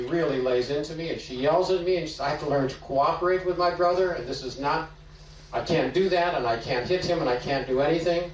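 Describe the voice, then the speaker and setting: A man explaining psychology in a lecture, telling stories and asking rhetorical questions. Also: fairly high pitch. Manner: storytelling, asks rhetorical questions. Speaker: psychology teacher. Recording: echoey room, voice from far off.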